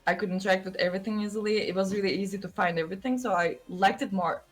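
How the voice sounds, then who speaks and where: A Turkish woman guesting as a streamer on a casual podcast chat speaks English as her second language with a Turkish accent. Her medium-pitched, steady voice runs very fast over faint music, and she is hesitant and giggly while searching for words.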